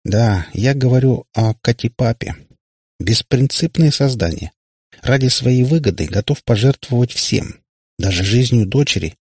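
A man voicing an elderly witch great-grandmother who speaks slowly and disapprovingly. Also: medium pitch, expressive, darkish tone, breathy edge, no echo, studio quality. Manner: slow, disapproving. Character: old witch great-grandmother, stern and grudging.

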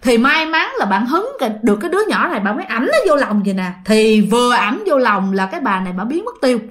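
Lady telling ghost stories, chatty, kinda high voice, talks right to the listeners. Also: sing-song, fast, fairly bright tone. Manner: chatty, addresses listeners directly. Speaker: storyteller. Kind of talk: casual horror storytelling.

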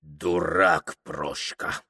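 A man voicing a gruff old Circassian servant who talks bluntly and gloomily. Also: extremely low pitch, flat delivery, drawn-out words, pushed and bright, pitched below the performer's own voice, heavily acted. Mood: gloomy.

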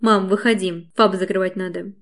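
A woman reading an audiobook, voicing a calm, gentle young man who speaks steadily and apologizes softly. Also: medium pitch, normal speed, lightly acted.

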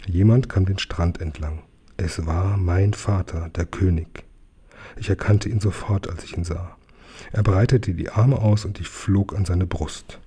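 A man narrating a children's audiobook in a calm, measured way. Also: deep voice, husky. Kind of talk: audiobook reading.

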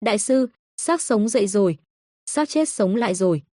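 A woman's voice: medium pitch, lively intonation, moderate pace, mellow, dry recording, studio quality, natural voice. A woman narrator voicing a frightened, grieving middle-aged father who speaks in an anxious, pleading way.

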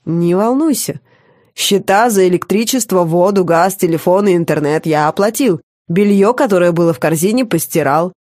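Woman doing a slow, teasing demon lover. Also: on the low side, a little mellow, no room sound, clean studio sound, close to an everyday voice. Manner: slow, drawling and sweet-talking.

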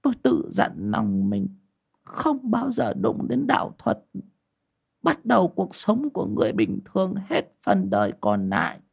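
A woman's voice: rumbling low, wildly swooping pitch, measured pace, gravelly, long pauses, darkish tone, slightly rough, exaggerated voice. A man voicing an older village wife who was once a shaman, crying and pleading in a choked voice. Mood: sorrowful recollection.

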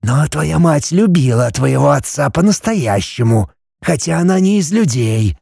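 A man voicing an ancient male basilisk, speaking hushed, slow and measured, a little higher than his own voice. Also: lively intonation, creaky, breathy edge, no room sound, clean studio sound, exaggerated voice. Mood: admonishing. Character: ancient male basilisk, calm, wise and admonishing.

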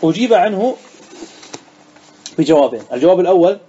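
A man teaching a grammar class as a sheikh, his voice a little high yet mellow. He reads a line of the text, explains it and asks his students questions. The recording is dull and lo-fi. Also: animated, fairly quick, breathy edge. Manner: reads the text aloud then explains, quizzing students who answer.

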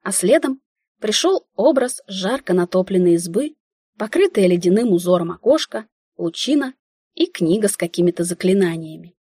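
A woman narrating a first-person audiobook in a wry, lively inner-monologue manner. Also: medium pitch, normal speed, husky, dry recording, clean studio sound.

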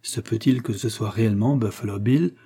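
Un lecteur jouant un rancher plein d'admiration, poli et volubile, au timbre sombre et voilé. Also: male voice, fairly low pitch, fairly quick, gravelly, warm tone, husky. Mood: earnest. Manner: polite, effusive. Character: polite rancher, admiring, eager.

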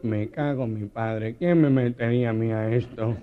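A man's voice: mid-range voice, steady tone, normal speed, natural voice. A comedian voicing a boastful, cowardly male banderillero who swaggers and swears in a panic, on a dull cassette recording. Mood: scared.

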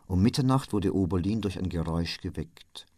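A man narrating a classic story for public radio in a measured, composed way. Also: deep voice, lively intonation, dark tone, husky, no echo. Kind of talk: literary reading for radio drama.

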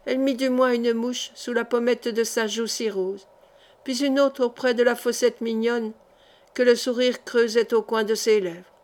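A woman narrating a historical novel as an audiobook, in a measured, expressive reading. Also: a little high.

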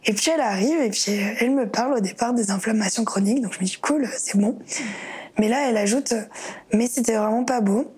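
A woman's voice: on the high side, a little fast, a little mellow. A young woman telling her story in an interview, hesitant and reflective with many fillers. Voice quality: very breathy, husky voice. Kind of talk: personal testimony interview.

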